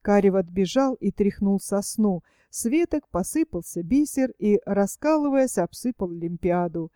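A woman reading a literary story aloud as an audiobook narrator, in a steady storytelling manner. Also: mid-range voice, normal speed, clear, resonant tone, no room sound, studio quality.

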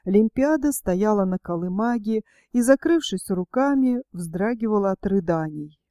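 A woman narrating a story in an even, measured reading. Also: medium pitch, dry recording, studio quality.

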